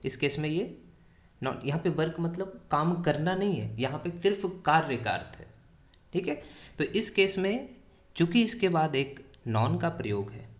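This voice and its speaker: A man's voice: on the high side, reverberant. A man teaching English grammar to students, explaining patiently in Hindi mixed with English terms. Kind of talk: classroom-style grammar lesson.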